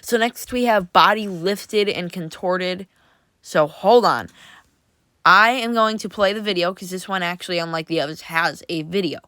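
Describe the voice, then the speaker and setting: A woman's voice: on the low side, normal speed, pushed and bright, no room sound, studio quality. A woman casually reviewing Halloween props, chatty and enthusiastic with lots of fillers. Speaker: prop reviewer.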